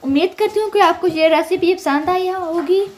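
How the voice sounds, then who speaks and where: A very high-pitched woman's voice, at normal speed, explains a home recipe step by step for a cooking channel. Her friendly, casual voice-over includes English words, with a noisy background of frying and stirring in her home kitchen.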